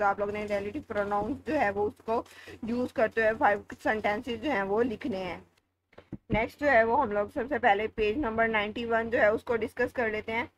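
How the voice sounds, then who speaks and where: A woman teacher with a slightly raised pitch delivers a recorded online grammar lesson. She walks through each point step by step, pausing on filler phrases and leaning hard on the endings of example words. Faint background hiss sits under her voice. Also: poor audio. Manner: explains step by step, with frequent filler phrases and check-ins; reads English examples slowly and stresses word endings. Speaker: school English teacher. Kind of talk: online class lecture.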